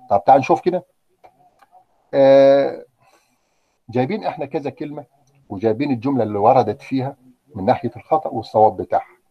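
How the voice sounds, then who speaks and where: A man's voice: mid-range voice, husky, no echo, highs cut off. A man with an Egyptian Arabic accent teaching a live language lesson in a conversational way, often checking in with "okay?" and putting questions to his students. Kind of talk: live online grammar lesson.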